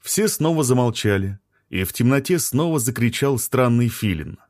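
A man narrating an audiobook in a measured, expressive manner. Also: mid-range voice, no room sound, clean studio sound.

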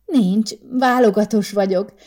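A woman's voice: medium pitch, mellow, voice pushed up, natural voice. A woman voicing a nervous, starstruck seventeen-year-old girl who stammers shyly in an audiobook story. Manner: stammering, breathless and shy.

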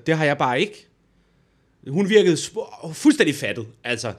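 A man's voice: fairly high pitch, husky. A man co-hosting a podcast, casually telling a personal story and acting out the people in it. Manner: animated storyteller, acts out quoted voices. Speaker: podcast co-host.

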